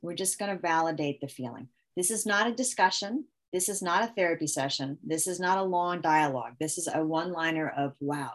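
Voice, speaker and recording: A woman, a mother, explaining parenting techniques in a casual interview, often acting out example phrases she would say to a child. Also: low-pitched. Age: adult parent. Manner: talks through ideas with many restarts and quoted one-liners. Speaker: parenting expert guest.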